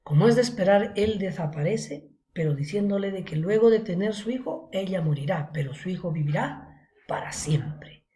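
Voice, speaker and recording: Mellow-voiced woman teaching. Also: fairly low pitch, animated, normal speed. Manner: checks in with students, frequent "¿no?" and "¿se acuerdan?" tags. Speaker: literature teacher. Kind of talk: online class lecture retelling a story.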